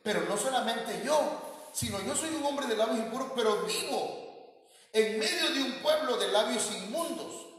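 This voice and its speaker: Preacher guy doing a wailing prophet, high and anguished, stretched-out cries, big echoey church hall. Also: animated, normal speed, fairly bright tone, far from the mic. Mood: lamenting. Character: anguished male prophet crying out in dread.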